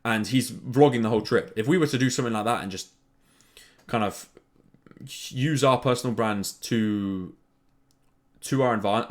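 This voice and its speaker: A young man in casual chat as a content creator, rambling with lots of fillers. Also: on the low side.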